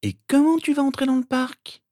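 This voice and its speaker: A man voicing a skeptical, teasing teenage girl with sharp retorts. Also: very high voice, fairly even intonation, normal speed, dry recording, clean studio sound, pitched above the performer's own voice. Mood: mocking. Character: mocking skeptical teenage girl, Harry's sister.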